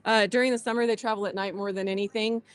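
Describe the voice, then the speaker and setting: A woman's voice: medium pitch, fairly even intonation, fast talker, clear, resonant tone. Us woman, rancher being interviewed, casual n plain spoken, no echo. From southwestern New Mexico, USA. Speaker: rancher and podcast guest.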